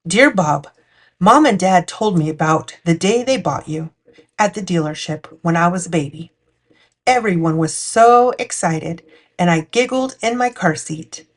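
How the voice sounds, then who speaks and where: A woman with a fairly low voice reads a children's storybook aloud at an unhurried pace, her intonation lively. She is hosting a storytime picture book reading.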